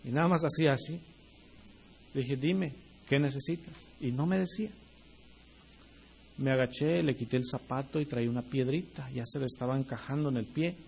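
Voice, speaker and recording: A man's voice: medium pitch, fairly quick, vocal fry, darkish tone, slight background noise. A young adult male pastor preaching a sermon, speaking directly to the congregation and rising into emphatic bursts.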